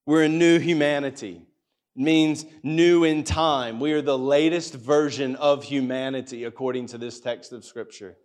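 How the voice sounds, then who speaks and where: A man's voice: medium pitch, steady tone, normal speed, a little mellow. A man preaching a sermon in a school hall, earnest and speaking into a microphone, now and then acting out his listeners' doubts in a livelier voice. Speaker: pastor. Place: school hall church gathering. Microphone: handheld or stand microphone.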